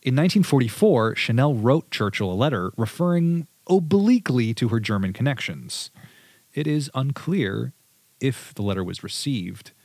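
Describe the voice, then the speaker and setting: A man's voice: mid-range voice, lively intonation, normal speed, darkish tone, dry recording. A man hosting a history podcast, chatting casually and reading out quotes from his sources. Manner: conversational, reads quotes from sources. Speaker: podcast host.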